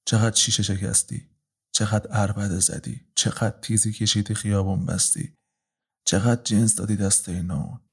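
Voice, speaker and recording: A man performs a heavy, patient man in his fifties in an audio drama. He speaks slowly and calmly, half muttering, with a low voice that barely rises or falls. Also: creaky, slightly rough. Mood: bitter. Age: 50s. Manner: slow, calm, muttering. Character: heavy, patient older man, calm and bitter.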